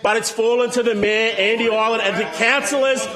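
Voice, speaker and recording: A man's voice: very high-pitched, fairly even intonation, fairly quick, a crowd in the background. A man with an Australian accent delivering a combative, emphatic speech in parliament, leaning on repetition for force. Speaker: opposition member of parliament. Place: parliament chamber.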